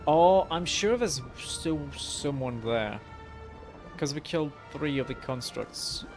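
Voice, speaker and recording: A man's voice: a little high, expressive, takes it slowly, over music. A man hosting a casual video game playthrough, reading game text aloud with offhand, wry asides. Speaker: gaming host.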